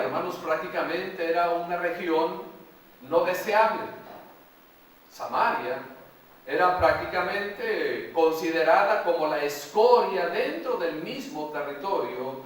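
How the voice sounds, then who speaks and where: A male pastor from Mexico preaching a sermon slowly and emphatically, repeating phrases and putting questions to the congregation. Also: fairly high pitch. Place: large church hall. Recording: echoey hall, voice from far off.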